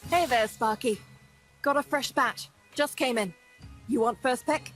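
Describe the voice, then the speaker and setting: A woman's voice: fairly high pitch, measured pace, over music, natural voice, low-quality recording. An actress playing a tough, wisecracking woman squad leader in video game dialogue, brash and teasing with nicknames for everyone.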